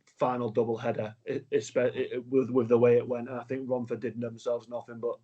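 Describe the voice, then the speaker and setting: A man's voice: mid-range voice, level tone, a little fast, warm tone. A man with a northern English accent hosting a casual podcast chat, passing questions to his guests. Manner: chatty, hands questions to guests. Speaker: podcast host. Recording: dull lo-fi audio.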